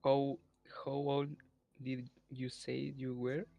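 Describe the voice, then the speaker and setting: Slow gravelly man. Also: medium pitch, completely flat delivery, mellow, no echo, dull audio, soft background music. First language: Spanish. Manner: hesitant, repeats words, careful phrasing. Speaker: chat partner. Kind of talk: halting casual chat in a second language.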